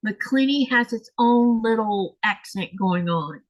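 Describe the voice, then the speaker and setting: A woman from Florida with a Southern US accent hosts a casual chat while sewing in her home craft room and reading comments. Her voice is on the high side with lively intonation, and she speaks slowly, rambling, correcting herself and using many fillers. The audio is dull with no echo.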